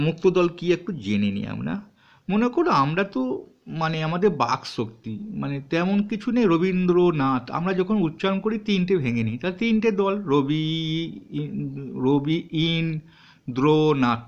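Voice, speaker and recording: Male teacher, fairly high and animated voice, patient and step-by-step, muffled lo-fi sound. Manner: patient, spells words out syllable by syllable. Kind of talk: classroom explanation for students. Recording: dull lo-fi recording.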